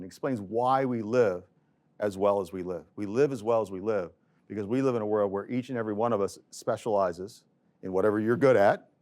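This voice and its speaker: A middle-aged man, an economics professor, giving a classroom lecture in a lively, joking storytelling manner. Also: fairly low pitch. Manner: lively, joking storyteller voicing quoted arguments.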